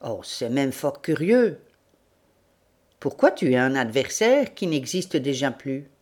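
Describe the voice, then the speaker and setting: A woman's voice: extremely low pitch, big pitch swings, slow, a little mellow, heavily acted. A woman doing a weary, curt old police chief. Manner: curt, growling, few words. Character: weary terse aging male police chief.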